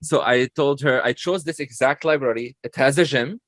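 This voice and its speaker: A man's voice: medium pitch, normal speed, fairly bright tone, no echo. A man with a non-native English accent, a chatty, self-deprecating guest telling stories in a casual interview.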